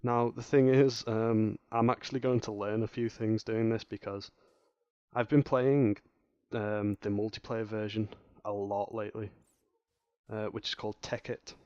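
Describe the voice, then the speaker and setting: A man's voice: lowish voice, steady tone, unhurried, warm tone, dry recording, lo-fi sound. Rambling male gaming tutorial host. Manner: rambling, hesitant, many fillers and restarts. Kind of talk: casual gameplay tutorial commentary.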